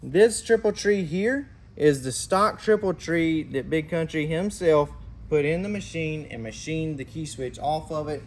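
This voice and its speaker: Man, slightly high voice, fast animated casual walkaround, talks to viewers, third-person self-references, faint background noise. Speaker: motorcycle builder and channel host. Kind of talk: casual walkaround show-and-tell.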